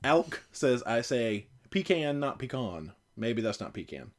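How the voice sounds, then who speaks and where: An American man hosting a casual livestream, reading out viewer comments in an animated, joking way. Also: a little slow. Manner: animated, playful, jumps in pitch when joking. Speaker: livestream host.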